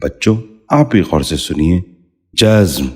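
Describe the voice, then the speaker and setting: A middle-aged man reading a formal, scripted pronunciation lesson, saying each word slowly and carefully and repeating it. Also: low voice, big pitch swings, a little mellow. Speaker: Urdu pronunciation teacher.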